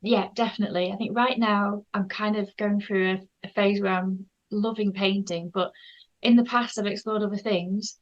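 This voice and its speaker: This woman from North Yorkshire, England, sounds gentle, shy and hesitant, filling her speech with many ums. Her pitch is medium and her tone steady, at a moderate pace, with the high frequencies cut off. She's a guest artist in a casual interview chat.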